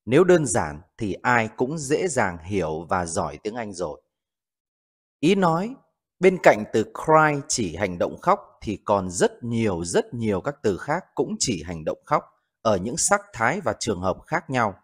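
A man hosts an English vocabulary lesson, speaking slowly and clearly. His pitch rises and falls widely as he stresses each new word. He repeats the example sentences carefully for learners. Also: sing-song. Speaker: English teacher.

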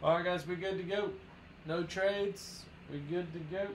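A man with a somewhat high voice runs a live card break, casual and pumped as he calls out teams and winners. A faint hiss sits under his voice. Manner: hyped, calls out names and spots rapidly. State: hiccups. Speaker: live box break host. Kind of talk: casual live-stream commentary.

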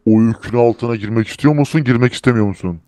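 A man playing a mysterious wizard who brews potions and chants made-up spell words in a calm, commanding way. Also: medium pitch, quick pace, no echo, clean studio sound, close to an everyday voice.

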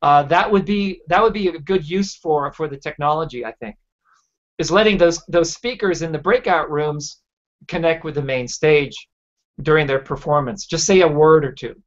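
A man's voice: fairly high pitch, normal speed. A man hosting a casual video-call conversation, telling stories in a rambling, enthusiastic way. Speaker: host. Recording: dull lo-fi video-call audio.

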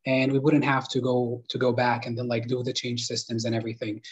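A young Sudanese man, acting as panelist and moderator, speaks on a conference panel by video call from his living room. He is hesitant, with many fillers and restarts, using a medium-pitched, monotone, slightly rough voice at a somewhat fast pace. The video call audio is dull and lo-fi.

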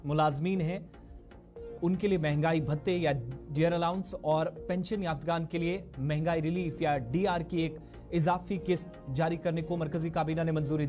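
A male news anchor reads a scripted bulletin in formal, Urdu-flavored diction. His voice sits a little high, and the studio voice-over has steady background music under it. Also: normal speed.

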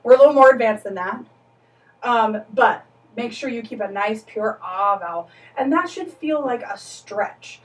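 A woman's voice: on the high side, animated, moderate pace. A woman voice teacher coaching a singer, encouraging and precise in her corrections. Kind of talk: voice lesson coaching. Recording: distant mic with piano.

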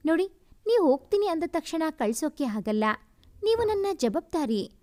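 A woman's voice: very high-pitched, sing-song, normal speed, dark tone. A woman voicing an earnest, protective young man.

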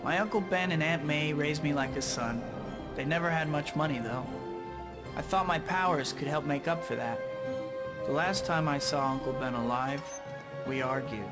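A man's voice: fairly high pitch, normal speed, lightly acted. A man with an American accent acting an earnest, vengeful young masked superhero in a video game. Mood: somber reflection. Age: young adult. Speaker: hero and narrator. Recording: loud music behind the voice.

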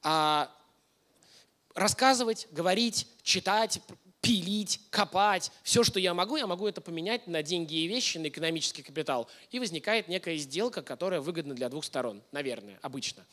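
Expressive and fairly quick, the man's voice sits on the high side with a sharp edge. Probably in his thirties, he lectures conversationally at a masterclass, regularly putting questions to the crowd, from a stage with a projection screen in an indoor hall.

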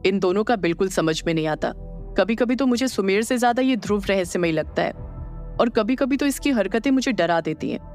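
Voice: mid-range voice, lively intonation, brisk, faint music behind, natural voice. A narrator voicing an irritable, sarcastic young male spirit in an audio drama. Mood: suspicious. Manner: snappish, sarcastic.

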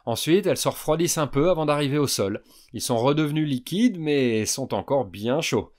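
A man's voice: fairly high pitch, lively intonation, normal speed, darkish tone, pitched above the performer's own voice, natural voice. A man voicing a clever young boy patiently explaining science. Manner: explanatory, earnest.

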